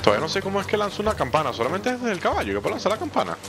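Male gamer, lively slangy commentary, clear game music behind. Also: sits high, rapid-fire. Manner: animated, slangy, talks to the game characters. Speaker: gameplay streamer. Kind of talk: let's play commentary.

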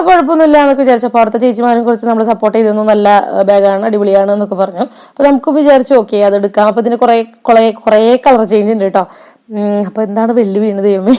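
A woman's voice: on the high side, mellow. A young woman, chatting casually over a shopping vlog as its host and often adding little tag words and fillers. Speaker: vlogger.

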